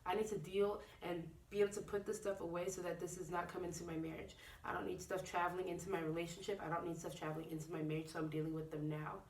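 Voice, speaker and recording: A woman's voice: lowish voice, fairly even intonation, quick pace, few pauses, a little mellow. Young woman talking candidly in an echoey room. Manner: candid, reflective, with frequent fillers. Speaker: vlogger. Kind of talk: personal video diary. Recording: echoey room, a bit far from mic.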